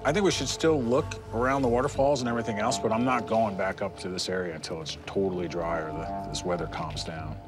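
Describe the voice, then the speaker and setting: A man's voice: fairly low pitch, fairly even intonation, quick pace, hardly any pauses, music in the background. A middle-aged man, a treasure hunter, talking in a plainspoken, practical way outdoors at a jungle base camp on a lapel mic. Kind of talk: field talk on expedition.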